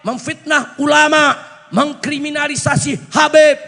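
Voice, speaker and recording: A man preaches with a very high, gravelly voice. He repeats his lines and keeps asking the crowd for answers. His voice rings with the long reverb of a large hall. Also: steady tone, a little slow, sharp tone. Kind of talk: sermon-style speech.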